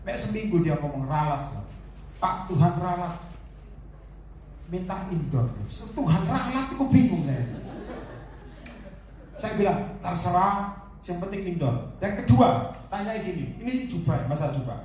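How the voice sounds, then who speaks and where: A male evangelist preaching a lively sermon, telling stories, quoting people and joking with the congregation. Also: sits high, moderate pace, recorded from a distance. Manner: animated, storytelling, quotes people in little voices, jokes with the congregation. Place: large worship hall. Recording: echoey hall, from afar, faint hiss.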